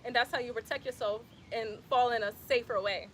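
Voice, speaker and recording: With a fairly high pitch and fairly even intonation, she speaks a little fast over some background noise. She's a young Atlanta, Georgia, native with an Atlanta accent, teaching handstands outdoors in bright sun on an exercise mat while filmed on a phone, keeping it casual and chatty, laughing often and saying "y'all."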